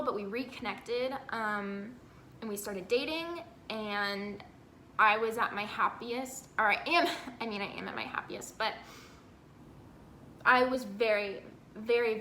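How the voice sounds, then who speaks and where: A woman's voice: fairly high pitch, pushed and bright, echoey room, slight background noise. A woman in her twenties from Texas, talking candidly and earnestly in a personal vlog, with lots of "like" fillers. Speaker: vlogger.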